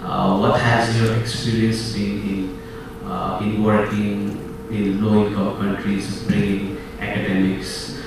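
Flat-voiced Nepali man in an echoey hall. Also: fairly low pitch. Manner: halting, many fillers. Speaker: program manager. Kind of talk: asking a question from the floor. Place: hotel conference room. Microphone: handheld microphone through room speakers. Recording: very echoey hall from far off, noisy.

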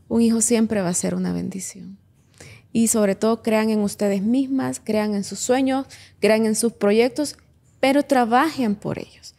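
A woman's voice: medium pitch, vocal fry, dark tone. A woman, a podcast guest and businesswoman, earnestly telling her own story and giving advice. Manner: earnest, reflective, gives advice to listeners. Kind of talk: heartfelt personal testimony.

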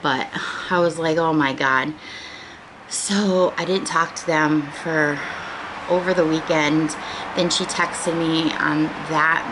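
An American woman in her forties, a vlogger, chats casually and ramblingly to her viewers from a small living room at home. Her voice sits low, with fairly even intonation and a slow pace. Noticeable room noise runs in the background.

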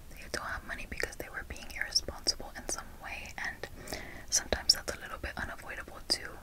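Young woman, Miami accent, ASMR whisper, deliberate delivery, repeated phrases, close microphone. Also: pushed and bright, rough recording. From Miami, United States. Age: young adult. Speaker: ASMR video creator. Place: bedroom, indoors. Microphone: close fur-covered desk microphone.

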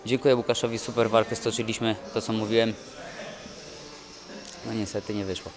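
A young man, a boxer, speaking in a halting, dejected way with many restarts in a post-fight interview at an indoor event press wall. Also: on the low side, level tone. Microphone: handheld mic held by interviewer.

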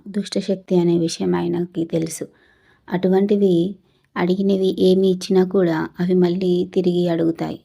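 Low gravelly woman telling a ghost story. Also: warm tone. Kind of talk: scripted horror story narration.

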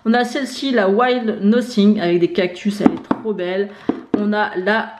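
A woman's voice: medium pitch, fairly even intonation, normal speed. A woman beauty vlogger chatting casually through her makeup collection, listing items one by one with many fillers. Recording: echoey room with faint noise.

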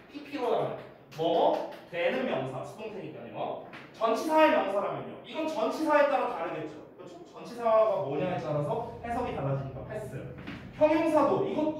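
A man's voice: sits high, darkish tone. A man teaching English grammar to a class, talking emphatically and checking often that students follow. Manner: emphatic, keeps checking students with quick questions. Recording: echoey room, mic far off, noisy.

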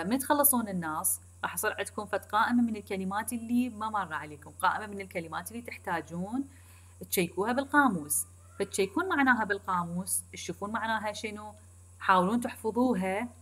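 Iraqi woman teaching English slowly. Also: mid-range voice, expressive, a bit bright. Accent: Iraqi Arabic. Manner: switches between Arabic and slow, deliberate English; addresses students directly, repeats key points. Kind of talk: recorded online lecture.

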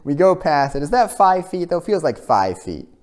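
A man's voice: a little high, very animated, normal speed, a little mellow. A young man giving casual, informal golf commentary, talking through his own play. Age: young adult. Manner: self-narrating, informal. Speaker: host of a simulator golf series.

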